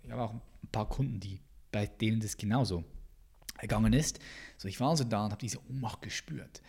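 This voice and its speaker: Husky man with dramatic whispered asides. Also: lowish voice, fairly quick. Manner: intense, swings between loud bursts and whispers. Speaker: personal growth coach. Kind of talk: motivational monologue.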